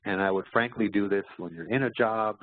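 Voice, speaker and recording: Captured through a muffled, phone-style line in an echoey room, a man with a lowish voice talks a little fast. He presents as a career coach answering questions from a webinar, explaining as he goes and regularly checking in with listeners.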